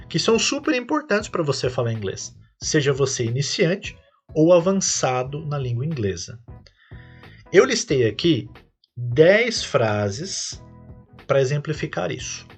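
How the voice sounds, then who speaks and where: A man's voice: a little high, husky. A man with a Brazilian Portuguese accent hosting a podcast lesson as an English teacher, explaining patiently step by step and lifting his voice on each English example phrase.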